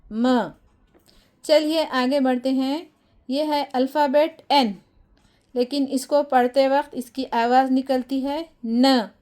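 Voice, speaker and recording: A woman's voice: sits high, a little mellow. A woman teaching English letter sounds to beginners, patiently repeating each sound several times and speaking directly to her viewers with encouragement. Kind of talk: phonics lesson for beginners.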